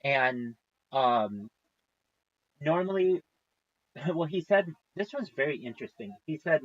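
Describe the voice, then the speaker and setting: A man's voice: fairly high pitch, animated, slow pace, no echo, lo-fi sound. A man in his thirties, a livestreamer, tells a long story in a casual, profane, exasperated way. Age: 30s.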